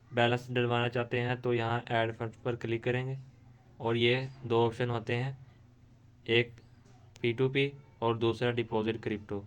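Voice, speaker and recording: Tutorial host, male. Smooth, even delivery, explains step by step and often restarts phrases. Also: mid-range voice. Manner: steady explaining with frequent restarts. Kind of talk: screen-recorded tutorial.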